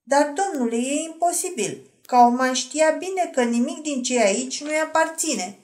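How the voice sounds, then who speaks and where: Woman doing indignant young lady, storybook figure, sharp questions, low voice, roomy echo. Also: animated. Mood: bewildered.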